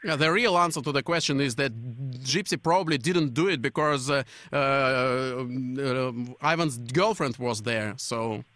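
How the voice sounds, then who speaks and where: Bright man with a Russian accent. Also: mid-range voice, slight background noise. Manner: hesitant, many filler pauses. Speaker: radio co-host. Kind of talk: casual poker radio chat.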